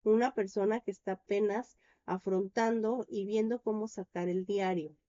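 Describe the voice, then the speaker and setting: A woman lecturing a class over a video call, with a mellow, darkish tone. She explains patiently and often stops to check in with her students. The audio sounds dull and lo-fi. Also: medium pitch, fairly even intonation, normal speed. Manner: explanatory, frequent "¿no?" tag questions and "eh" fillers. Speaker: university lecturer. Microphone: computer or headset mic on a video call.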